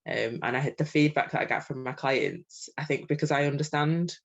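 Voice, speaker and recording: A woman's voice: low-pitched, a little fast, creaky, dull audio. A middle-aged woman talking openly as a coaching client, hesitant and full of ums, with small self-conscious laughs. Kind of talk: candid conversational talk.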